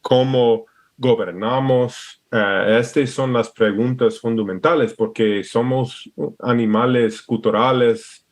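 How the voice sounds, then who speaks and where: Appearing as a guest on a laid-back podcast interview, this Alaskan man talks in Spanish with an American English accent, frequently restarting and searching for the right words. He keeps a steady, mid-range tone at a slow pace.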